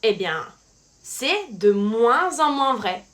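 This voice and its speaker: A woman teaching a French language lesson in a clear, scripted delivery. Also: fairly high pitch, very animated, slow, a bit bright.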